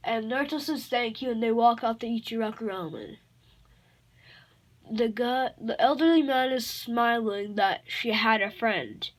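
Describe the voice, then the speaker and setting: A woman improvising a fan-fiction story aloud, rambling and halting, with many fillers and self-corrections. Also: on the high side.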